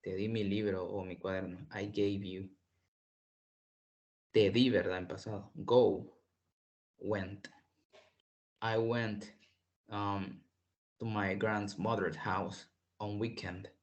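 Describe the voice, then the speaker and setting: A man teaching an online English lesson, explaining slowly and repeating words for pronunciation. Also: on the low side, level tone.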